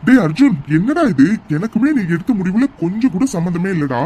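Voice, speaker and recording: An actor voices a concerned cartoon father. He coaxes and comforts his wife in a steady, middle-range voice, and a faint hiss sits behind it. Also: medium pitch, a little fast, close to an everyday voice. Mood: worried. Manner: soothing, coaxing. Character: worried, soothing older father.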